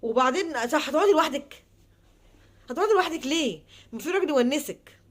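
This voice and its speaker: This Egyptian woman talks quickly in a high voice. She pleads and repeats herself, and her words sometimes fade into quiet murmurs. It sounds like a personal vlog that moves into advice. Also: animated. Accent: Egyptian Arabic. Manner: pleading, repetitive, trailing off into soft murmurs. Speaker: advice vlogger. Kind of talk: heartfelt personal monologue and advice.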